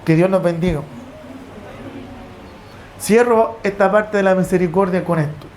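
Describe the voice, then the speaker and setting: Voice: mid-range voice, unhurried, a little mellow, slight background noise. A preacher delivering a sermon in a church service. The preacher reads scripture aloud, asks the congregation questions, and repeats stock phrases of praise.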